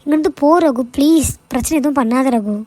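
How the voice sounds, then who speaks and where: A woman's voice: high voice, brisk, dark tone, no room sound, close to an everyday voice, rough recording. A woman voicing a meek young office worker in a cartoon, pleading and apologetic. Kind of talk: cartoon voice acting.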